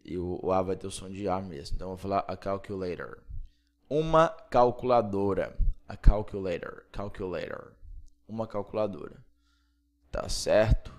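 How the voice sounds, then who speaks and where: A man from Brazil teaching English pronunciation, repeating each word slowly and checking in with playful asides. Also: deep voice. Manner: repeats words slowly and clearly, asks "beleza?" often. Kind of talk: Portuguese-spoken English pronunciation lesson.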